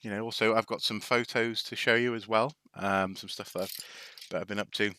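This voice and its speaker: Deep-voiced man rambling over his collection. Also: fairly even intonation, brisk, bright, forceful tone, a little hiss or hum. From North Wales. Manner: hesitant, lots of ums and restarts, wry asides. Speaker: live streamer. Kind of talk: casual rambling show-and-tell.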